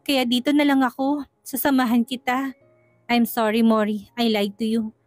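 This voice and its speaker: A woman voicing a gentle, remorseful dying father who softly pleads for forgiveness in an audio drama. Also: a little high, flat delivery, normal speed, dry recording, faint music behind, close to an everyday voice. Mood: tender sorrow.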